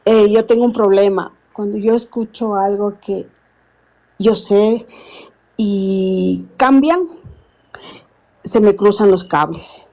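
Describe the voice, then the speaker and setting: Sixties woman caller, warm low-key tone, earnest, hunts for words. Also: takes it slowly, long pauses, rough recording. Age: 60s. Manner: earnest, rambling, searches for words. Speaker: caller on a live stream. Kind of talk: casual call-in chat.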